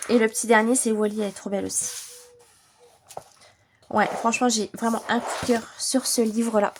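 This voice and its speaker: A French woman vlogging casually about her coloring books, chatty and enthusiastic, a little hoarse as she recovers from bronchitis. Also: a little high, steady tone, fairly quick, background noise. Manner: chatty, enthusiastic, many fillers. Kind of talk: casual vlog chat.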